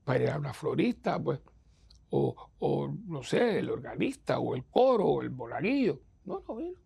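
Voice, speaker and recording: A man preaching a sermon as a priest, gravelly and husky, emphatic, acting out the voices of people he quotes. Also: mid-range voice, big pitch swings, normal speed, a little mellow.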